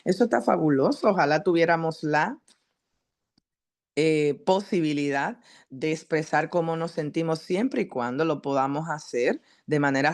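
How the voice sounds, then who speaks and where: A woman psychologist giving a teaching talk at a church, addressing the congregation directly and asking them questions in a lively, earnest way. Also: sits low. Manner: lively, earnest preaching delivery.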